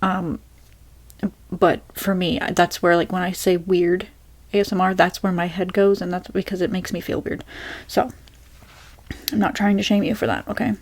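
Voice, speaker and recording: A young woman, an ASMR creator, talking softly and rambling through a Q&A with many fillers and restarts. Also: fairly low pitch, flat delivery, normal speed. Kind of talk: soft-spoken rambling Q&A.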